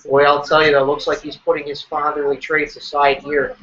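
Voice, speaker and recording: A man hosting a live wrestling reaction show, excitable and joking as he reacts to what's on screen. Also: on the high side, a little fast, muffled recording, slight background noise.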